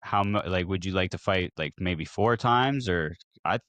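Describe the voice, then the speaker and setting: Low-voiced co-host, halting questions. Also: male voice, a bit bright. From Hamilton, Ontario. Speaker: podcast co-host. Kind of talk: casual interview.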